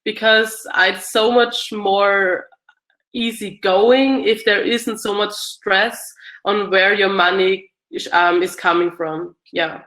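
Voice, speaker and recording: In an echoey room, a slow-speaking Austrian woman with a bright, mid-range voice and steady tone responds to audience questions during a casual Q&A. She hesitates often, using many fillers and restarting her sentences.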